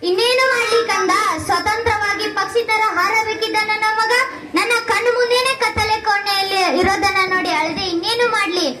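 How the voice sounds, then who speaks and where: A woman's voice: very high-pitched, fairly even intonation, fairly quick. A young female performer in a school play, voicing a grieving mother who pleads tearfully with her imprisoned son. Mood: sorrowful pleading. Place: school stage in a hall. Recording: echoey hall with a crowd behind.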